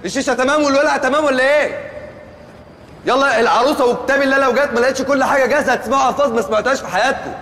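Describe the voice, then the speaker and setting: Brash, rapid-fire Egyptian street-slang wedding planner. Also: male voice, high voice, a bit bright. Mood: bossy, chummy. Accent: Egyptian Arabic, working-class street register. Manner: slangy, bossy, over-familiar. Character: brash, chummy working-class male wedding planner. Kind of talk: TV comedy acting.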